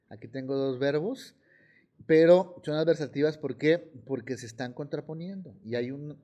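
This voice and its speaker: Speaking Mexican Spanish in a mellow voice, a man teaches a high school grammar class. He explains through examples and keeps checking in with "¿sí?".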